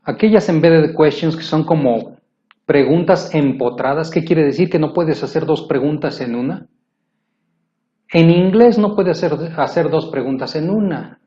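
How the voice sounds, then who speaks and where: A man teaching English grammar to viewers, explaining patiently and repeating himself, slowing down to spell out the English example phrases. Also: on the high side, mellow, muffled recording.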